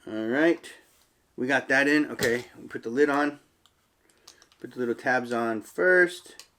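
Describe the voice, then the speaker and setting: A man's voice: medium pitch, measured pace, bright, forceful tone, slight background noise. A man hosting a casual family unboxing video, patiently explaining each step and talking straight to the viewers. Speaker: channel host and parent.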